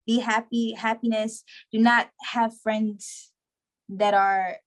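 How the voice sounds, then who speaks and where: Speaking slowly in a slightly high voice with little pitch movement, this young woman from a Trinidadian background chats as a guest in a casual interview about the show she created. She's slangy, laughs a lot and says "like" constantly.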